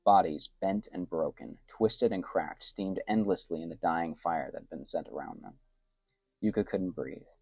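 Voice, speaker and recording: A man with a very low, deep voice reads an adventure tale in a soft, hushed storytelling manner. His voice sits close and dry, with almost no room sound around it. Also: moderate pace, creaky, slightly rough, no echo. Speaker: narrator. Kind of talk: soft-spoken story narration.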